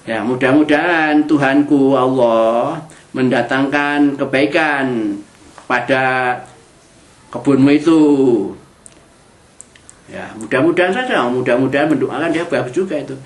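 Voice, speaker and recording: A man giving a Quran exegesis lesson, reciting verses slowly and then explaining them in chatty, colloquial asides. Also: medium pitch. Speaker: Quran teacher. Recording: echoey room.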